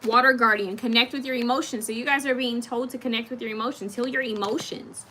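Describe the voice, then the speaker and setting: A woman's voice: a little high, fairly even intonation, fast talker, pushed and bright, a little hiss or hum. A woman in her thirties chatting casually on a livestream, reading viewer comments aloud and drawing oracle card messages, often restarting her sentences. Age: 30s.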